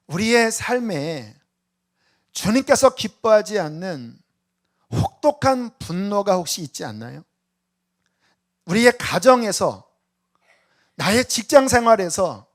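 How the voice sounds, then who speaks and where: A male pastor preaches in a church in a high voice. He asks the congregation question after question and retells stories. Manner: preaching with rhetorical questions and storytelling. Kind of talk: sermon. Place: church sanctuary.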